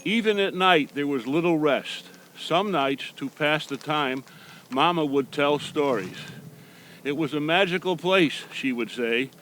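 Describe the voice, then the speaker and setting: A man's voice: a little high, a little slow, fairly bright tone, poor audio. A man playing Santa Claus as a kindly, agreeable old man reading a storybook to young children. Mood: storytelling. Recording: background noise.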